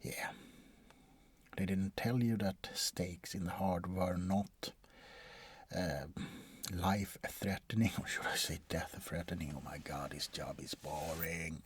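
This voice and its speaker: In an ASMR roleplay, a man voices a bored, world-weary vampire doctor who has lived for centuries, his husky, breathy tone often dropping to a whisper. His delivery is deadpan and hesitant, low-pitched and slow, a full character voice with a bored, dry mood.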